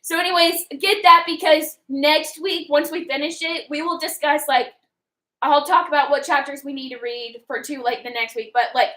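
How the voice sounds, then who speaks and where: A woman co-hosts a relaxed book club show, playful and quick to giggle. Her voice sits high and rings bright and sharp. The room around her sounds echoey. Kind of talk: casual book club chat.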